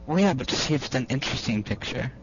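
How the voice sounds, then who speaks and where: A man's voice: mid-range voice, lively intonation, racing. A man co-hosting a casual chat over an online call, with dry, defensive ribbing. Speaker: podcast co-host. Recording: muffled lo-fi call with faint hum.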